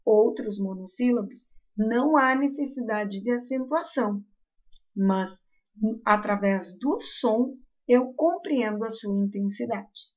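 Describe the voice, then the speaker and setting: Southern Brazilian woman, teacher. Careful, deliberate explanation, a touch high. Slightly muffled recording. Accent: southern Brazilian Portuguese. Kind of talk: recorded grammar lesson.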